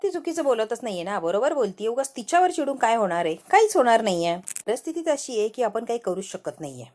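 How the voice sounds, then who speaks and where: A woman's voice: on the high side, big pitch swings, fast talker, darkish tone. A woman voicing a scheming older woman who broods over her failed plots. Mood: brooding. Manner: resigned, brooding. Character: scheming older woman villain, gloomy and calculating.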